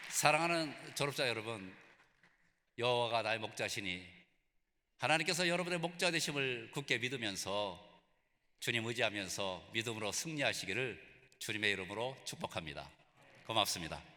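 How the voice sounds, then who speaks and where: A man's voice: on the low side, expressive, moderate pace, pushed and bright, a faint crowd. A man preaching a sermon at a graduation ceremony, telling stories earnestly. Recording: reverberant hall.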